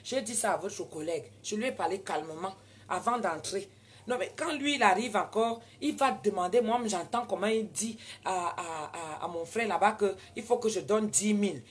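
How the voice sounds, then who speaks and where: A woman with a Cameroonian French accent telling a story in casual talk, animated and prone to loud indignant outbursts. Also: medium pitch, moderate pace. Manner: animated, switches into loud indignant retorts when quoting herself. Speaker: vlogger.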